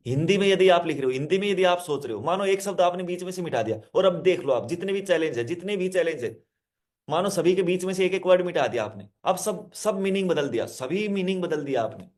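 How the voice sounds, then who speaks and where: A man's voice: high voice, animated, fast, a little mellow. A male hypnotherapist giving a self-help lesson, speaking directly to listeners, repeating his instructions and explaining with simple word examples.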